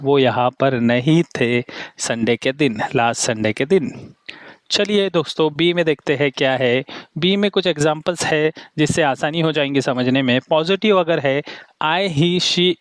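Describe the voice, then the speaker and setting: A man teaching English grammar in Hindi, calling viewers his friends and reading each English example slowly and carefully. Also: fairly high pitch, no echo.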